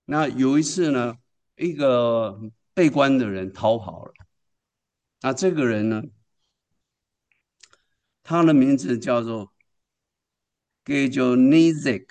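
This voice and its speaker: Male preacher, sermon, mid-pitched voice, emphatic storytelling, rhetorical questions. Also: lively intonation, slow pace, pauses often, darkish tone. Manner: asks the congregation rhetorical questions and answers them.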